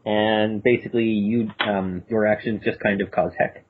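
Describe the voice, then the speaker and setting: A man narrating a tabletop game as game master, halting and repeating words as he describes the scene. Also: on the low side, steady tone, slight background noise. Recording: tinny phone-like podcast audio.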